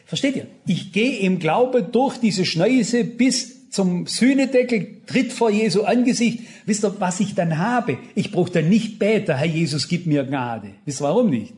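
An older man preaching a sermon, lively, often turning to his listeners with questions. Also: high voice, a little slow, hardly any pauses.

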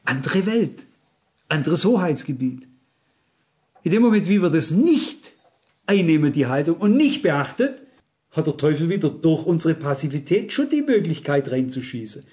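A man's voice: fairly high pitch, big pitch swings, normal speed, darkish tone. A male preacher giving a sermon, earnest and emphatic, often turning to the congregation with direct questions. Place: church service.

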